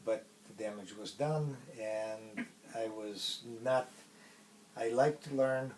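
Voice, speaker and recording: A middle-aged man from Poland with a Polish accent, a native Polish speaker, recalling his past in a casual interview in a halting way with many pauses. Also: fairly low pitch, far from the mic, slight background noise, poor audio. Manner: halting, pausing often mid-phrase.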